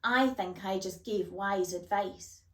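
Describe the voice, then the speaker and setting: A woman's voice: mid-range voice, slow pace, a bit bright. A woman voicing a friendly young grim reaper boy who chats eagerly in a storybook reading. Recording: roomy echo.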